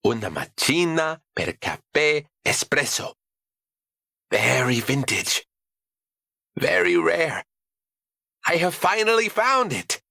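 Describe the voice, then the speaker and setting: Brief: male reader playing a jolly older baker boss, gravelly tone, slow and sing-song. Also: a little high, very animated, dry recording, studio quality, exaggerated voice. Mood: gleeful. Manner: cheerful, shouting with glee. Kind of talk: audiobook character voice.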